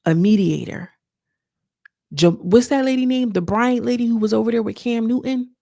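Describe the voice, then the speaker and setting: A woman's voice: on the high side, normal speed, vocal fry, dark tone, dry recording, clean studio sound. A woman casually recapping a reality show for her viewers, chatty and gossipy, talking straight to her audience. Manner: chatty, addresses audience as y'all and girl, trailing restarts.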